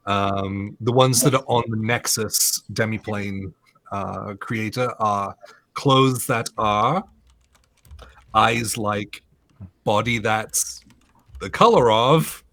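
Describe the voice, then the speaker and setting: A man running a tabletop game on a live stream, explaining the rules in a relaxed, enthusiastic way and swearing casually. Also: lowish voice, slow pace, creaky, no room sound. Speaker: game master.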